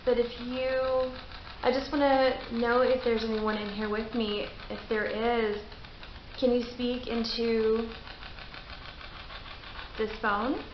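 A middle-aged woman chats casually as a vlog host in a fairly high voice. She is indoors in a garage, and the sound is roomy and slightly dull, with faint noise behind her. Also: level tone, slow, pauses often. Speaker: video host.

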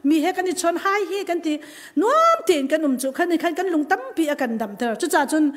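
A woman's voice: extremely high pitch, expressive, fast, long reverb tail. A woman preacher giving a live church sermon with an emphatic delivery that rises and falls. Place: church hall.

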